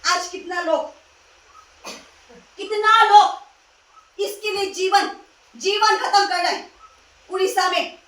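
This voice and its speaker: A woman's voice: extremely high pitch, sharp tone. A woman preaching a sermon, urging listeners with rhetorical questions and repeated phrases. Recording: echoey room from a distance.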